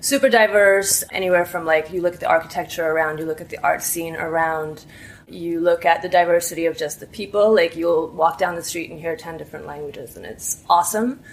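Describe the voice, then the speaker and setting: A woman's voice: lowish voice, fairly quick, low-quality recording. A woman talking informally in a casual interview about her work, chatty and peppering her sentences with "like". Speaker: tech startup interviewee.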